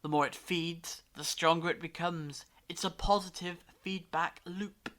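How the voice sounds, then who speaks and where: A woman plays a brainy, time-travelling alien in a fan audio drama, lecturing gravely through deliberate monologues broken by dramatic pauses. Her voice is fairly low, steady and fairly bright, and the mood is grave and ominous.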